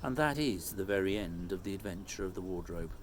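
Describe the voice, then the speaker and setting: A man reading a children's storybook aloud as expressive narration. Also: sits low, fairly quick, a little hiss or hum.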